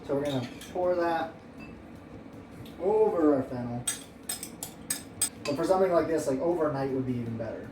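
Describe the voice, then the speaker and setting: A home cook hosts his own video from an echoey kitchen, his voice on the high side, expressive, at a moderate pace with long pauses. The mic sits at a distance and the background is noisy, while he rambles, jokes, and keeps things playful as he cooks.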